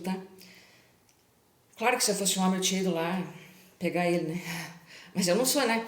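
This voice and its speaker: A middle-aged Brazilian woman who hosts a channel tells her viewers a personal story in a chatty style, frequently adding tag questions. She has a mid-range voice, a Brazilian Portuguese accent, and the room is echoey.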